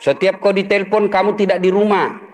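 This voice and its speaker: A man's voice: high-pitched, fairly even intonation, brisk. A middle-aged man, preaching a humorous sermon, joking and acting out husband and wife voices.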